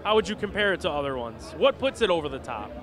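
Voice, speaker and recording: High-voiced male interviewer amid crowd noise. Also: sing-song, quick pace. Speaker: wrestling show interviewer. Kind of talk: casual interview chat. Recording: outdoor urban crowd and traffic noise.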